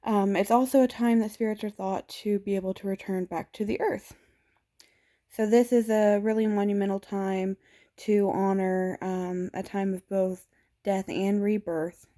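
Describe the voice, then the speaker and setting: A woman vlogger giving a casual spoken explainer, hesitant and pausing often with fillers. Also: medium pitch, steady tone, warm tone. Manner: hesitant, frequent filler pauses.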